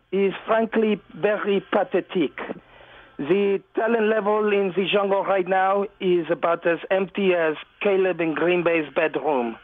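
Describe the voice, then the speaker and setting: A man voicing a boastful, theatrical French-Canadian caller with a thick put-on French accent, calling in by phone. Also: high voice. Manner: pompous, showy, drawn-out. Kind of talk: comedic call-in bit. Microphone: telephone. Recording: tinny phone line.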